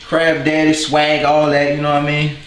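A man's voice: a little high, completely flat delivery, normal speed. Slangy New Orleans man in echoey kitchen. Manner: slangy, rambling, joking to viewers. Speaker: cooking video host. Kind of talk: casual cooking vlog. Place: home kitchen. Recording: echoey room with clear noise.

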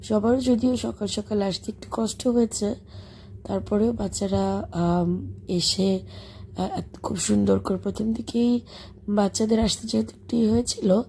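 Hoarse woman narrating a vlog voice-over. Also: mid-range voice, steady tone, measured pace, slight background noise. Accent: Bangladeshi. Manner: chatty, warm about the children, frequent fillers. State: hoarse, voice gone from illness. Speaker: schoolteacher and vlogger. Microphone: voice-over recorded separately.

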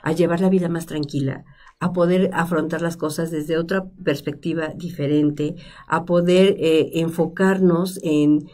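Woman speaking low and mellow, reflective. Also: fairly even intonation, a little slow. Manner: reflective, lists rhetorical questions. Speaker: psychologist guest. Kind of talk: conversational explanation. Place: studio with stone wall, seated at table. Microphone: desk microphone.

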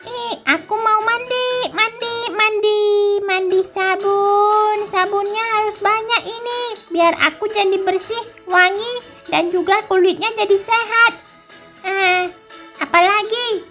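A woman's voice: very high voice, takes it slowly, sharp tone, soft background music, pitched above the performer's own voice, exaggerated voice. Woman doing a whiny jealous toddler boy. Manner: whiny, childish.

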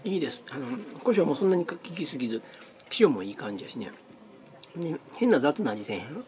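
Middle-aged Kansai vlogger, very lively intonation. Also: medium pitch, a little fast. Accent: Kansai Japanese. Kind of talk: casual snack-review vlog chat. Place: small cluttered room indoors. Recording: clearly noisy room recording with clicks.

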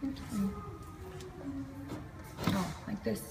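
A woman's voice: very slow, distant mic, loud music behind the voice. Chatty woman in an echoey empty house. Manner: chatty, upbeat, pointing things out. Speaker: vlogger giving a house tour. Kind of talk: casual home tour narration. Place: unfinished house, indoors. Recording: echoey empty house, loud room noise.

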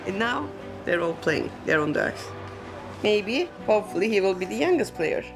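A woman from Turkey with a Turkish accent, a Turkish native speaker, talking warmly and haltingly in a documentary interview. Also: mid-range voice, big pitch swings, music in the background. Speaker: hockey parent.

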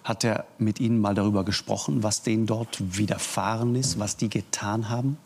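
Low gravelly male talk show host. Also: fairly even intonation, fairly quick, a little mellow, slight background noise. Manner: probing questions, short backchannels. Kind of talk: interviewing a guest.

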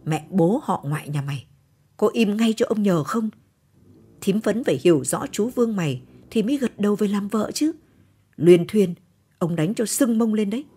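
A proud, fretful old village grandfather, as a woman narrator puts him on in a storybook reading, speaking. His voice is dark and husky, and he scolds and fusses over his family. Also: mid-range voice, animated, normal speed, pitched above the performer's own voice. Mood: scolding. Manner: scolding, fussy old man.

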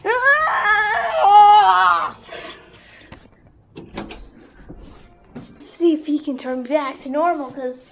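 Plush video role-play: a woman doing a cranky baby hedgehog, high and frustrated, cursing. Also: steady tone, moderate pace, mellow, slight background noise, lightly acted. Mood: alarmed. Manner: frustrated, swears, grumbles. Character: cocky male hedgehog hero turned baby, grumpy.

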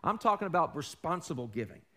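His voice fading, a pastor in his forties preaches with animated emphasis from a large church stage, alternating loud and hushed passages and calling questions to the congregation. He talks fast in a slightly high voice.

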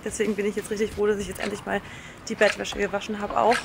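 A woman's voice: mid-range voice, flat delivery, fast, gravelly, heavy background noise. A young woman vlogging casually to a handheld camera in an informal, chatty way, mixing in English slang. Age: young adult. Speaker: travel and food vlogger. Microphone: handheld camera at arm's length.

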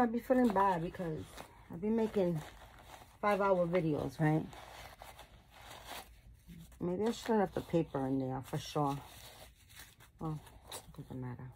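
A woman's voice: lowish voice, a little slow, long pauses, a little mellow, slight background noise. A woman vlogging about her doll collection in a casual, rambling chat with her viewers, gushing and full of "like" and restarts. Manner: gushing, affectionate; fond of chatty asides to "guys".

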